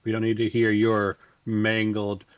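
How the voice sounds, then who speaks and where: A man's voice: lowish voice, completely flat delivery, measured pace, no echo, dull audio. A man in his forties, teasing and sarcastic in a casual chat. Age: 40s.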